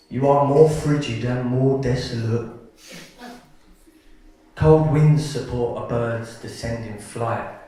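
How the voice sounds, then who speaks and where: A man performing his poems live, reciting in a rhythmic, measured way with offhand asides between pieces. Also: mid-range voice, warm tone. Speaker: spoken word poet. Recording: echoey venue, mic from far off.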